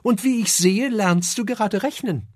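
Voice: mid-range voice, moderate pace, dry recording, clean studio sound, pitched above the performer's own voice, natural voice. A reader voicing a friendly, helpful young fire dragon in a children's story, speaking eagerly and encouragingly.

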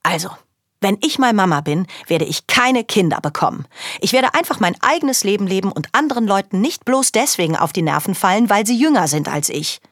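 A woman's voice: medium pitch, sing-song, fairly quick, fairly bright tone, no room sound, clean studio sound. A woman narrating a children's audiobook in a chatty first-person girl's voice. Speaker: audiobook reader.

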